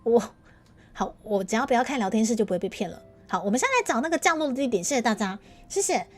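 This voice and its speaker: Taiwanese girl streamer, playful n teasing, highish voice, soft music under it. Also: expressive, fast talker. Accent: Taiwanese Mandarin. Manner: playful, teasing, bursts of laughter, slips into Japanese. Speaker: VTuber streamer. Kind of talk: casual livestream chat.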